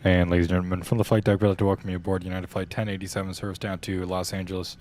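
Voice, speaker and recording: A man's voice: deep voice, level tone, rapid-fire, a little mellow. A man doing an airline captain's cabin announcement from the cockpit, loose and full of uhs. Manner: loose, filler-heavy announcing with many uhs. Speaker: flight simulator player. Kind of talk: mock airline pilot announcement.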